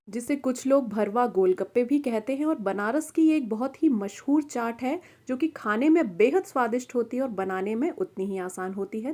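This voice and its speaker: A woman's voice: on the high side, warm tone. A woman hosting a cooking channel, explaining a recipe step by step in a friendly, instructional voice-over. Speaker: cooking show host.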